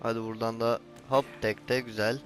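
Faint music runs behind a gaming channel host whose mid-range, fairly bright voice stays level at a moderate pace. Exasperated in his casual let's-play, he scolds the character he controls and curses at the camera when jumps don't land.

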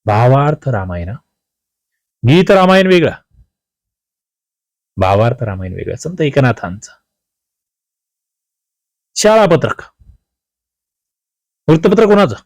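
Working through exam questions, this mid-pitched male tutor asks the learner each one and then supplies the answer in a teacherly way. He is expressive but slow, pausing often, with a darkish tone, and the recording is dry with little room in it.

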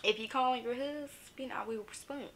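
A woman's voice: fairly high pitch, fairly even intonation, normal speed, noisy background. A woman in her twenties from Memphis with a Southern accent, chatting casually in a get-to-know-me vlog, laid-back and laughing often. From Memphis, Tennessee, USA. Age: 20s. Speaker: vlogger.

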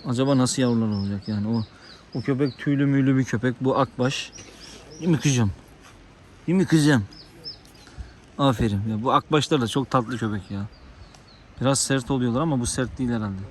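A man vlogging outdoors on a rural farm, excitable and talking soothingly to dogs. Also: medium pitch, fast talker, slight background noise. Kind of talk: casual outdoor vlog with dogs.

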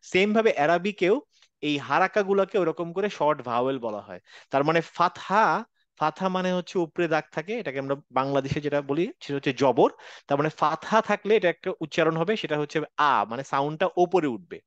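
A man's voice: fairly high pitch, expressive, brisk, a bit bright, clear, resonant tone, dry recording. A man teaching a Quran reading class online, explaining patiently step by step and mixing in English phrases. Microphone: video call. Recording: dull lo-fi online class audio.

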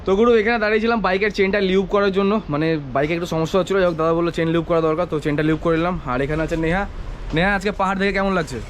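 Fast-talking young man on a ride. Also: high voice. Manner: chatty, addresses viewers as brother. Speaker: motovlogger. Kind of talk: riding vlog commentary. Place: outdoors on a mountain road. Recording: faint road and traffic noise outdoors.

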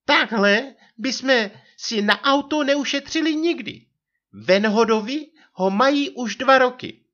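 A man reading a story and voicing an indignant, theatrical young wife in a high falsetto. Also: bright, forceful tone, dull audio. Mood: indignant scolding. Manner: shrill falsetto scolding.

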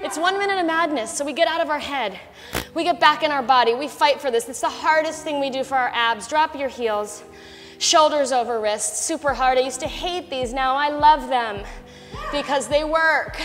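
A woman fitness instructor with a fairly high voice delivers a rousing pep talk over clearly audible music. She pushes with short commands and counts while working out herself, urging everyone on. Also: fairly bright tone, big-room sound. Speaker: fitness instructor leading a workout. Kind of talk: motivational pep-talk coaching during exercise. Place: large bright loft studio, indoors. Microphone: body-worn wireless mic.

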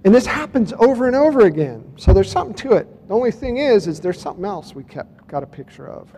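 High-voiced man in a reverberant hall. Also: big pitch swings, fast, dark tone, husky. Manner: casual storytelling, reading out dates, addressing the audience. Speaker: speaker at a UFO conference. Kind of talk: conference talk presenting photos and clips. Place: conference hall.

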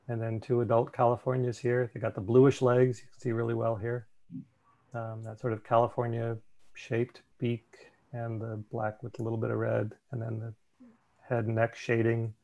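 On a video call, a man casually presents a slideshow, thinking aloud with fillers and restarts. His mid-range voice is gravelly and a little mellow, and the audio sounds dull.

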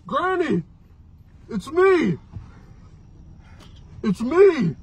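A man's voice: extremely high pitch, very animated, very slow. An American man in his twenties talking casually as the prankster in a prank video. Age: 20s. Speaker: prankster grandson.

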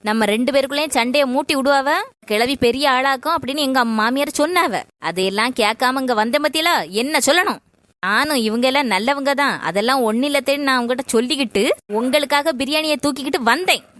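A woman's voice: sits high, quick pace, fairly bright tone, no room sound. A woman playing a fiery young daughter-in-law. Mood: angry. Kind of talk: comedy skit acting.

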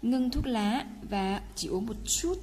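A woman teaching Korean in a casual lesson, patiently repeating words slowly for learners. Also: fairly high pitch, a little mellow, a little hiss or hum. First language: Vietnamese.

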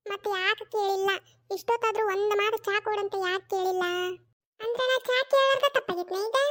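In a cartoon comedy skit where one performer voices both parts, a grumpy, stubborn old mother-in-law scolds and refuses in a North Karnataka Kannada accent. Her voice is shrill, very high and a bit bright, with fairly even intonation and quick, clipped, irritated retorts.

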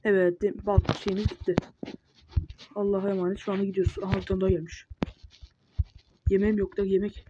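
A woman's voice: medium pitch, little pitch movement, quick pace, pauses often. A woman giving casual gameplay commentary, muttering self-talk and scolding the monsters. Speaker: gamer. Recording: dull lo-fi mic with noise.

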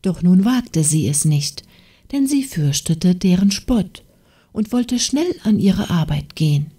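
Woman narrator, fairy tale audiobook, calm and measured, very slow, lively pitch. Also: husky. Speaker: audiobook reader.

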